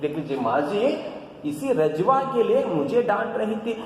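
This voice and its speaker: A man's voice: high-pitched, big pitch swings, unhurried, heavily acted. A man reading the lines of a young, educated daughter-in-law who wonders aloud, in a raised voice. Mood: puzzled. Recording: echoey room, faint noise.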